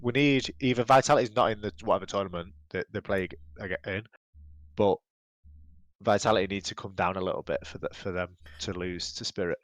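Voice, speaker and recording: Male podcast co-host, low voice, dry teasing wit, dead-dry mic. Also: a little fast, dry recording. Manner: dry, teasing, laughs often. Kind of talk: casual chat.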